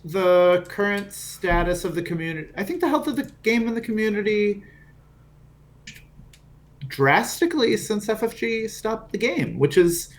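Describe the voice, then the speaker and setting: A man's voice: high voice, expressive, moderate pace. A man chatting hesitantly as a podcast co-host, his voice cutting in and out over a bad online call. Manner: hesitant, many restarts and fillers. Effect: voice breaking up over a bad online call. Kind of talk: casual chat.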